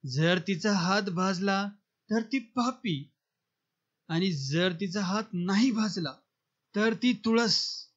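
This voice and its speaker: Brief: aggressive shouting village man voiced by a man, storybook, lo-fi. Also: sits high, expressive, takes it slowly, long pauses, heavily acted. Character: angry accusing older village man. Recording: dull lo-fi recording.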